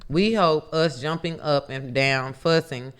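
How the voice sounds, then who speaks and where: A man with a smooth, resonant voice sitting slightly high in his range. He co-hosts a laid-back podcast and reads viewer comments out in a steady, matter-of-fact way. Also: measured pace. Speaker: podcast co-host. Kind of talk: casual chat, reading viewer comments aloud.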